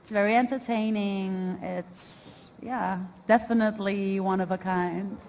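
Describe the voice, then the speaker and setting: A woman's voice: mid-range voice, steady tone, measured pace, darkish tone, slight background noise. A woman from Iran, a festival guest, answering the host's questions in an upbeat, polite way.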